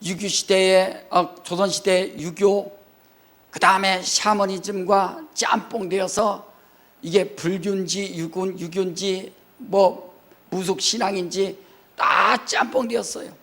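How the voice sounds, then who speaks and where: A man's voice: high-pitched, steady tone, takes it slowly, a bit bright. An older man, a pastor, preaching a sermon in a church. He acts out mourning wails and keeps checking in with the congregation through rhetorical questions. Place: church sanctuary.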